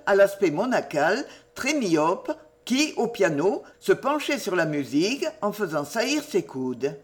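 A woman narrating a classic novel, reading expressively as a storyteller. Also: medium pitch.

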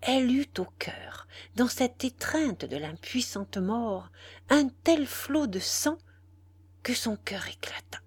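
A woman's voice: on the high side, lively intonation, slow, husky, no room sound. A woman narrating a novel solemnly, often sinking into a whisper. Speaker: audiobook narrator.

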